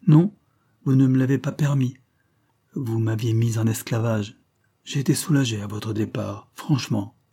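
A man's voice: medium pitch, moderate pace, mellow, husky. A man voicing a bitter, proud young woman in a storybook reading, speaking in a cutting, strained way.

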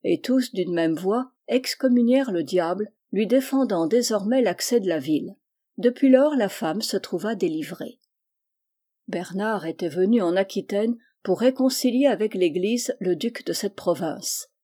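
A woman narrating a saint's legend in a calm, measured reading voice. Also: medium pitch.

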